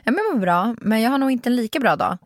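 A woman, a podcast co-host telling stories in a chatty, animated way. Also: fairly high pitch, no echo. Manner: chatty, animated storytelling with acted quotes. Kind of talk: casual chat.

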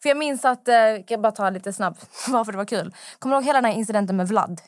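A woman's voice: mid-range voice, dry recording, studio quality. A young adult woman co-hosting a podcast, chatting casually, teasing her co-host and laughing easily. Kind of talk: casual chat.

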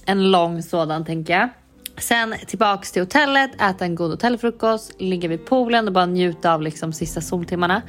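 A woman co-hosting a podcast in casual chat, relaxed and chatty with lots of filler words, talking in from a hotel on holiday. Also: lowish voice. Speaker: podcast co-host. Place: hotel on holiday, remote recording.

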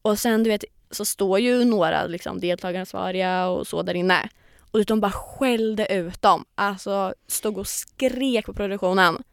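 This young woman, a one-time reality show contestant, tells an animated story as a podcast guest, voicing quotes and cursing casually. Her mid-range voice is gravelly yet smooth, captured in a clean studio with no echo.

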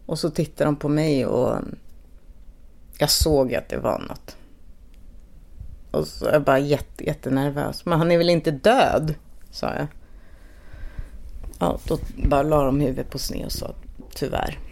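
A middle-aged woman speaking haltingly and with quiet emotion as she recalls a personal loss. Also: sits low, fairly even intonation, vocal fry. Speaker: bereaved mother interviewed. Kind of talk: personal recollection.

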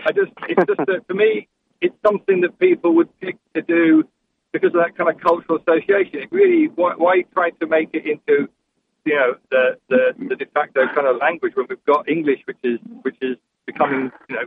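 A man debating on a radio phone-in, repeating words haltingly as he makes his case. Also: fairly high pitch, sing-song, creaky, background noise. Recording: narrow phone-like radio line.

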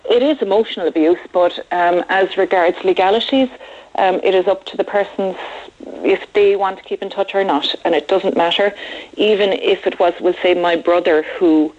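A woman's voice: medium pitch, moderate pace. Woman, over a landline phone, muffled lo-fi line, hesitant, earnest, lots of fillers. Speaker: caller to a radio show. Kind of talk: radio phone-in call.

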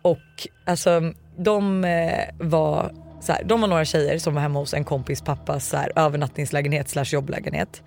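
A man's voice: a little high, gravelly, faint music behind. A man on a podcast, casually telling an eerie personal story, acting out the quoted lines. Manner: animated storyteller, acts out quotes. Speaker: podcast host. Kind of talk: casual podcast chat, telling ghost stories.

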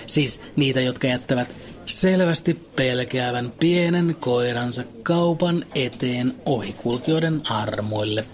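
A man tells an absurd comic story with a straight face, in a voice of ordinary middle pitch. His delivery is dry and matter-of-fact, with the odd hesitant filler between thoughts. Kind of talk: deadpan absurd comic monologue.

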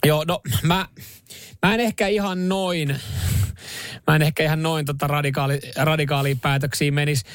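Chatty man, slightly high, dry sound. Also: fairly even intonation, clean tone, no room sound. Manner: chatty, rambling, laughs easily. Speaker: radio show host. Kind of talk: casual chat.

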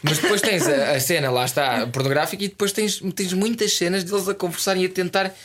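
A man chatting casually, haltingly, often repeating his phrases. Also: sits high, a bit bright. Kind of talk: casual chat.

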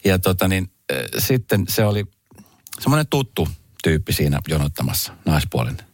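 A man hosting a casual radio chat, telling stories in an animated way with sudden jumps in pitch for emphasis. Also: dry recording. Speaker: radio host.

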